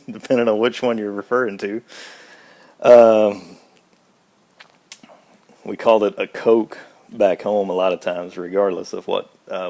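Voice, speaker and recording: A man's voice: on the low side, creaky, a little mellow. A man with a Southern accent from Mississippi, speaking casually and informally in a laid-back, folksy way. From Mississippi, United States. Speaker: speaker answering an accent questionnaire. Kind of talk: casual informal word list and question answers.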